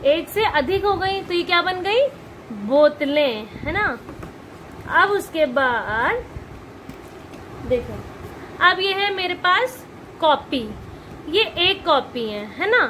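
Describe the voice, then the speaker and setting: A high-pitched woman teaching young children in an unhurried, patient way. She asks a question, repeats it, and answers it herself. A faint hiss of room noise sits behind her voice. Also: lively intonation, pushed and bright. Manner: patient, repetitive questioning, calls pupils beta. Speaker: primary school teacher. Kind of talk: online grammar lesson for children.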